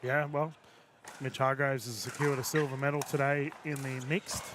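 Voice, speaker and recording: A man calls the match live, snapping out short, brisk bursts as the points play out. His voice sits at an ordinary middle pitch for a man. Plenty of outdoor noise runs under the broadcast. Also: flat delivery. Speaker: commentator. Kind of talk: live sports commentary.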